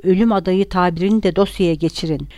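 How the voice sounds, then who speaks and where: Woman voicing pompous older man, indignant, preachy, loud, audiobook, dry sound. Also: lowish voice, quick pace, no room sound, close to an everyday voice. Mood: outraged.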